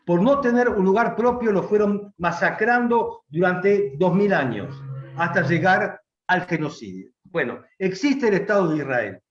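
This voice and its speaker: A man speaking Argentine Spanish, giving a measured, reflective answer at a public talk, pausing and restating his phrases. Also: high voice, animated. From Romania, raised in Argentina. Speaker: guest philosopher. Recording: echoey, dull lo-fi room sound.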